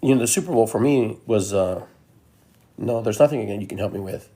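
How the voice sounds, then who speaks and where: A man's voice: lowish voice, fairly quick, dark tone, slightly rough. A man from Peru hosting a podcast, talking in a loose, rambling monologue that keeps repeating phrases. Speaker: podcast host. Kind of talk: casual monologue.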